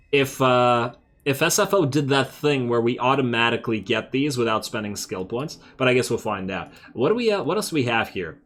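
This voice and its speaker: A man hosting a let's play series gives laid-back commentary on a strategy game, thinking aloud as he plays. His voice is medium-pitched and fairly bright, with game music in the background.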